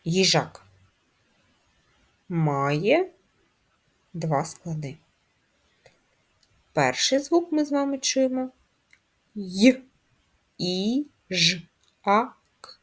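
A woman primary school teacher, who gives slow, clear lessons to young children in a patient, sing-song manner, asking questions and spelling out sounds one by one. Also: mid-range voice, very animated.

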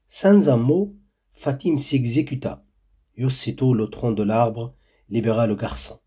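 A man narrates a folk tale slowly and deliberately, in a husky, dark-toned voice. His telling is measured and calm throughout. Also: medium pitch. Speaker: storyteller. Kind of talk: storytelling narration.

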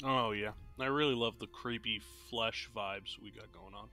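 A congested man talks through a video game in an offhand, joking way. His voice is bright and forceful, and he slips into mock outrage at the characters. Faint game music plays behind him. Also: fairly low pitch, fairly even intonation, normal speed. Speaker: let's play gamer. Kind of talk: casual gameplay commentary.

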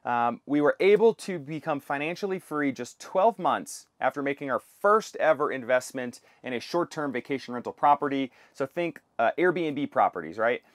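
Male video host, 20s, medium pitch, informal explainer delivery, very dry close lapel sound. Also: animated, moderate pace, few pauses, no echo. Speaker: video host, property investor. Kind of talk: informal explainer talk to camera. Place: inside a camper van. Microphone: lapel mic.

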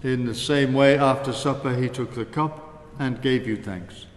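Solemn priest in cathedral echo. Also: male voice, medium pitch, slight background noise. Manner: solemn, measured intoning. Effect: cathedral echo, long church reverb. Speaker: priest celebrating Mass. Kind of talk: liturgical prayer, spoken and chanted. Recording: echoey reverberant church hall.

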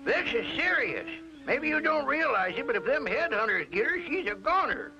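A man's voice: extremely high pitch, big pitch swings, moderate pace. A man voicing a joking, folksy old swamp dweller in a cartoon, talking in drawling backwoods slang. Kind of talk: 1950s cartoon voice acting. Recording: dull lo-fi soundtrack with music.

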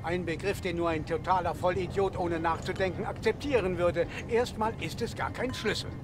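A man's voice: sits high, steady tone, normal speed, background noise, close to an everyday voice. An actor playing an eccentric, irritable scientist in a video game, ranting wordily and exasperated, obsessed with his research. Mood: indignant rant.

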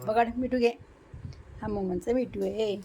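A woman's voice: mid-range voice, steady tone, measured pace, gravelly, warm tone, slight background noise. A woman with a Marathi accent, casually chatting to her pets at home in coaxing baby talk during a vlog. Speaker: vlogger talking to her pets.

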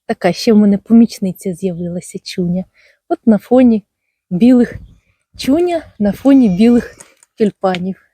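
Dark, husky woman on a garden walk. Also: medium pitch, expressive, moderate pace, dry recording. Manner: chatty and fond, full of tender diminutives. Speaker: gardening channel host. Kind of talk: casual garden walk-and-talk. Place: outdoors in a home garden.

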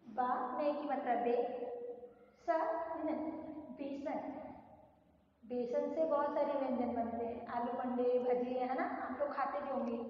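A woman teaching a first-grade Hindi lesson online, spelling words out slowly syllable by syllable and drilling their pronunciation. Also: high voice, level tone, slight background noise. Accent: Indian Hindi. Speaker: primary school teacher. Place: classroom with a board. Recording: echoey distant room recording, dull sound.

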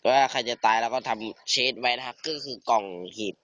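A teenage man giving casual, excitable commentary over a survival game, swearing and bantering with a friend. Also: medium pitch, fairly quick, dry recording. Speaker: gamer.

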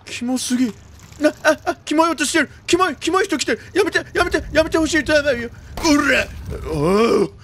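A video game streamer, male, gives jumpy let's-play commentary on a horror game, rattling off quick repeated exclamations and old-man turns of phrase. His voice is extremely high, expressive and slightly bright.

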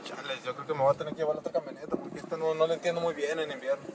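A man in his thirties with a Mexican accent vlogs casually in slangy, sweary Chicano-style street talk, racing along in a slightly high voice with flat delivery. He's in a truck cabin and out in the snowy night, filming on a handheld phone at arm's length, with car and outdoor noise throughout.

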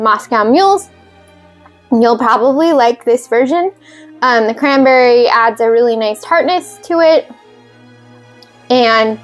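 A woman hosting a cocktail video, talking casually and rambling with fillers while she mixes drinks. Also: fairly high pitch. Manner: chatty, rambling, self-deprecating with fillers.

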